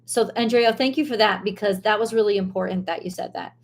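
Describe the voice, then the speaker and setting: A woman with a hoarse, medium-pitched voice hosts a live tarot stream, speaking fairly quickly. She talks casually and bluntly, swearing and losing her train of thought as she vents.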